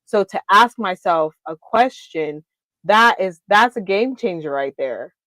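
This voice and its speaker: A woman's voice: medium pitch, animated, unhurried, fairly bright tone, no echo. A woman hosting a talk show in a casual, chatty way, affirming and quoting herself as she tells stories. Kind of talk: casual chat.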